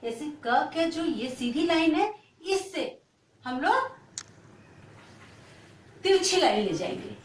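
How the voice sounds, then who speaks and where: Slow sing-song woman teaching children. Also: high voice, big pitch swings. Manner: patient, questioning tone toward children. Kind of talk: children's language lesson. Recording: echoey room, mic at a distance.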